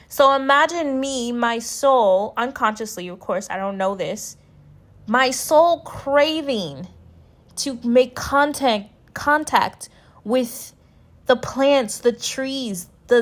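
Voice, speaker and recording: A woman talking as a spiritual coach, reflecting earnestly and emphatically in a personal vlog, repeating phrases for weight. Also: on the high side.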